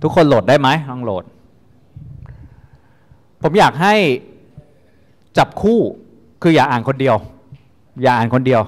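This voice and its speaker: A man teaching a university class, talking casually and repeating instructions to coax students into group work. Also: medium pitch. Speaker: university lecturer. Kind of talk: classroom lecture. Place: lecture hall. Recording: reverberant lecture hall.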